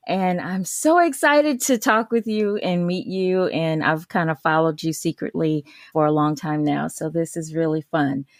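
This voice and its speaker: A woman's voice: low-pitched, unhurried, few pauses, no room sound, studio quality. A woman hosting a podcast interview, enthusiastic and affirming toward her guest. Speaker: guest host.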